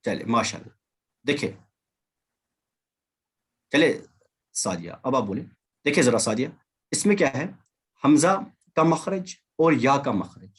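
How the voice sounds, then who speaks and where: Over a video call, an Arabic teacher runs an online language class, patiently repeating and drilling examples. His voice is husky and a little high.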